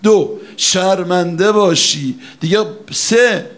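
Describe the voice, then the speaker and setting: A man preaching a mourning sermon, swinging between shouted lines and chanted lament. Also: high voice.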